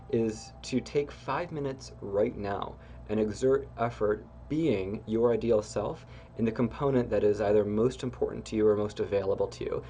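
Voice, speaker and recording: A man with a fairly low voice leads a guided self-help exercise as a spiritual teacher. His talk is engaged and expressive, gently encouraging, with easy fillers and small laughs. A faint hiss runs under the recording. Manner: soft laughs and relaxed fillers.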